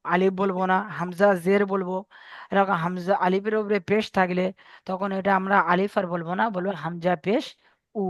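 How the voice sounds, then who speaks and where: A man's voice: sits high, no room sound. Patient male teacher drilling pronunciation. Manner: patient, repeats each point and quizzes students. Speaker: Quran reading teacher. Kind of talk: online Arabic reading lesson.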